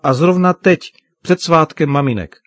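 A man's voice: fairly high pitch, dry recording, voice pushed up, lightly acted. A man voicing a grieving, resentful teenage girl in a children's radio story, speaking in an indignant, protesting way. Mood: tearful, angry.

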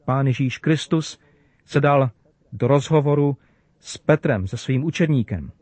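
A man preaching to children, telling a story in a gentle, measured way. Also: mid-range voice, husky, no room sound.

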